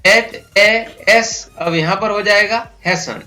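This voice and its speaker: Male teacher, Rajasthani Hindi accent, slow letter-by-letter explaining, bright voice, light music bed. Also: sits high. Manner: slow, spells out letters one by one. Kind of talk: spoken English pronunciation lesson.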